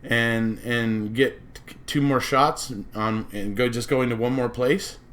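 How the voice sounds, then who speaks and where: A man's voice: mid-range voice, steady tone, slow pace, a bit bright. Rambling American man, casual commentary. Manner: rambling, circling back and repeating himself. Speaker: true-crime commentator. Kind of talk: casual speculative monologue.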